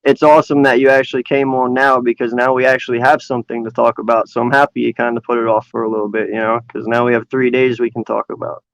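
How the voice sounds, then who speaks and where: Flat-voiced man hosting a podcast. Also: mid-range voice, fast, few pauses, no room sound. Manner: easygoing, plugs the channel. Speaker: podcast host. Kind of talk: casual sports podcast. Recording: dull lo-fi online call audio.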